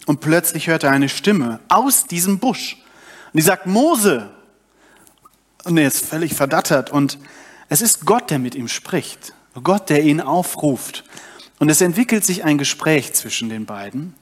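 A man's voice: on the high side, lively intonation, moderate pace. A young adult man giving a sermon, retelling a story and addressing the congregation directly. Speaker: preacher.

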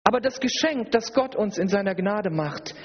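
A man's voice: high-pitched, lively intonation, moderate pace, husky. A man preaching a sermon at a church service, emphatic and repetitive, with rhetorical questions. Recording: dull recording in a reverberant hall.

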